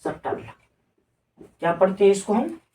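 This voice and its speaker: A man's voice: sits high, animated, measured pace, reverberant, distant mic. Man teaching grammar, off-mic. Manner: spells words out letter by letter and asks rhetorical questions. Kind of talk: classroom lecture.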